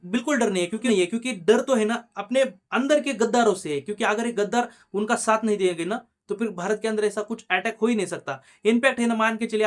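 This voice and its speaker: A man hosting his own channel, delivering a heated opinion monologue and pressing each point with a tag question. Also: high voice. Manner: heated, insistent, keeps tagging phrases with a questioning "na". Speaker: channel host.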